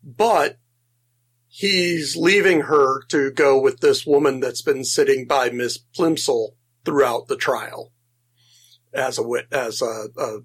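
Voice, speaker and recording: A man's voice: medium pitch, takes it slowly, fairly bright tone, breathy edge. A man co-hosting a casual film podcast, enthusiastic, laughing often and restarting his sentences as he talks. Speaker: podcast co-host.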